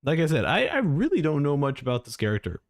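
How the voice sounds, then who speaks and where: A male live streamer reacts to game trailers, chatting casually and thinking aloud in a rambling, informal way. His voice runs a little high, with huge pitch swings and a quick pace.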